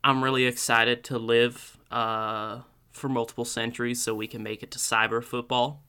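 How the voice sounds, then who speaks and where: A man voicing an easygoing middle-aged dad turned vampire, in a put-on folksy accent with hesitant pauses. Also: mid-range voice, flat delivery, sharp tone, clear, resonant tone, natural voice. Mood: earnest.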